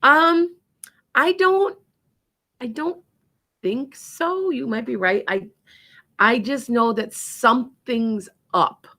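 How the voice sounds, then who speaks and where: This Wisconsin-accented radio host rambles cheerfully through small talk and psychic readings, laughing a lot. Her voice is on the high side, bright and forceful, and she speaks slowly with frequent pauses.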